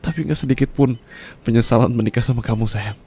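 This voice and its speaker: A young man voicing a dying husband in a whispered role-play, speaking softly and apologetically to his wife, close to the mic. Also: medium pitch, fast talker, slight background noise, lightly acted. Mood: farewell. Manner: soft, tender, apologetic murmuring.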